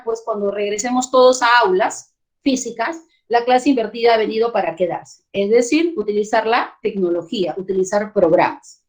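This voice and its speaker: A woman with a Peruvian Spanish accent runs an online workshop for teachers. She speaks in a somewhat high voice, lively and direct, tossing rhetorical questions at her listeners. She is heard through a computer microphone on a video call. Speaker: teacher trainer. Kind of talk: online teacher training webinar. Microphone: computer mic on a video call.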